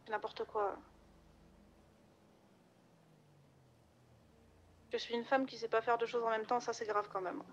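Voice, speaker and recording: In an online roleplay game, a woman improvises as a chatty, caring, playfully scatterbrained character, speaking informally and hesitantly, often restarting sentences and teasing herself in a playful, self-deprecating mood. Her fairly high voice is close to her everyday one, delivered fast and flat. It comes through dull voice-chat audio with slight background noise.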